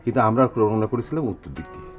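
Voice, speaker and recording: A man's voice: fairly low pitch, lively intonation, rapid-fire, dull audio, faint music behind, natural voice. An actor playing a bossy, blustering village father, speaking. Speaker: father of the household. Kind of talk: rural comedy drama acting.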